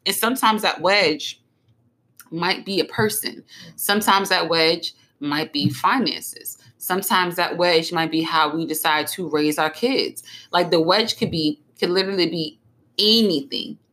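A young woman from Trenton, New Jersey, hosting a podcast in casual chat, blunt and animated and swearing freely. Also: lowish voice, a little slow. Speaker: podcast host.

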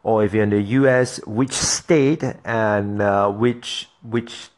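A man's voice: fairly low pitch, fairly even intonation, slow. A man from Singapore, hosting a solo podcast and talking to his listeners in an earnest, motivational way. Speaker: podcast host.

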